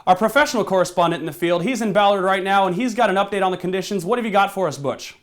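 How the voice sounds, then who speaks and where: Parody news anchor, played by a man: smug, deadpan, dismissive, fairly high-pitched voice. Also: racing, a little hiss or hum, lightly acted. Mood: dry, businesslike. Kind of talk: scripted mock newscast.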